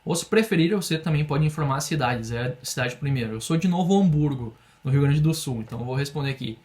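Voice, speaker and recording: Patient Brazilian teacher explaining slowly. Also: male voice, on the high side, expressive, darkish tone. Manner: patient explainer who slows down to model English phrases. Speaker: English teacher. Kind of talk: online language lesson.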